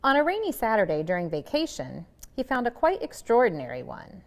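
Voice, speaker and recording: A woman who works as a librarian reads a picture book aloud expressively, with dramatic pauses and emphasis on key words. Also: a little high, huge pitch swings. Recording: echoey, long room reverb.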